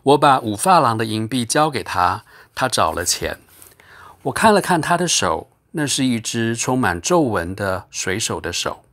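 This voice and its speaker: Brief: male storyteller, animated and measured narration. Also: medium pitch. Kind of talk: scripted audiobook narration.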